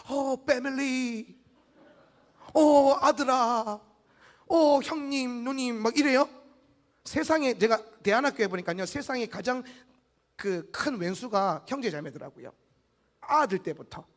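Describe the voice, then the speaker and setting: A middle-aged male pastor giving a sermon, swinging between loud exclaiming and soft confiding, and acting out quoted dialogue. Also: high voice, long reverb tail. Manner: acts out quoted dialogue in small voices. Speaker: guest pastor.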